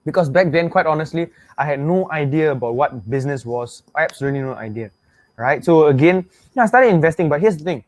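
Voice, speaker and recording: With a fairly high voice, lively intonation, and a quick pace, a young Singaporean man energetically hosts an online webinar in Singaporean English. His motivational pitch repeats itself and asks viewers to type replies, and the recording is dry.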